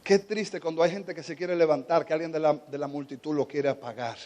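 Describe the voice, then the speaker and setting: A man with a Dominican Spanish accent preaching a sermon as a pastor, moving between quiet teaching and fervent, shouted exhortation. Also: a little high, fairly even intonation, brisk, long reverb tail.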